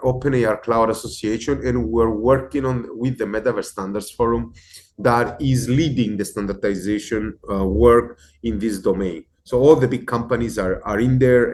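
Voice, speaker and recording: A man giving a quick webinar presentation over a video call, eager and brisk, with some fillers. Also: mid-range voice, slight background noise.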